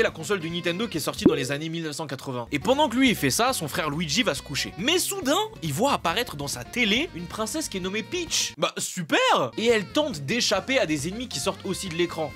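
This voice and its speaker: A man's voice: sits high, fairly bright tone. A young man presenting anime trivia to his viewers in a casual joking video, slangy and playfully indignant.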